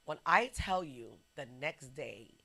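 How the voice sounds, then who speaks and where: A woman hosting a podcast, chatting casually and telling lively stories that she acts out, sometimes dropping to a whisper. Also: deep voice, takes it slowly, slightly rough. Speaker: podcast host. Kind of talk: casual chat and storytelling.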